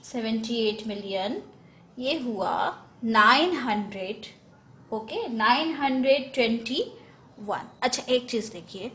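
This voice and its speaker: A woman with a high, slightly bright voice teaches a maths lesson in Hindi. She goes through place values step by step, often correcting herself and mixing in English number words.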